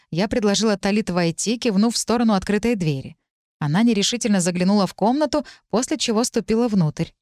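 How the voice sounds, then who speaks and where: A woman reads a first-person novel aloud in a calm, measured way, her voice sitting at a middle pitch. The recording is dry and close, with no room sound. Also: no echo. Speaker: audiobook narrator.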